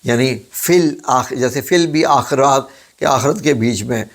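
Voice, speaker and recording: A man teaching Quranic Arabic vocabulary in a relaxed, informal lesson. He spells words out letter by letter, pauses often, and slips English words into his explanations. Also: medium pitch. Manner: modest and relaxed, many pauses and fillers.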